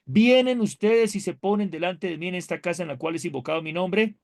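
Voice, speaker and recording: A man and pastor lecturing a seminary theology class, animated and conversational, asking his students questions, joking, and reading scripture aloud with emphatic rises. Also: high-pitched, fairly quick, vocal fry.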